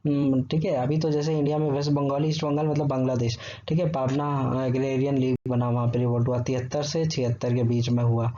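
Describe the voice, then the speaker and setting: A man's voice: medium pitch, little pitch movement, a little fast, few pauses, dark tone. A man teaching an exam-prep history lesson, explaining step by step and checking in with the listener often. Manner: explanatory, repeats "ठीक है" often. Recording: dull lo-fi sound with faint background noise.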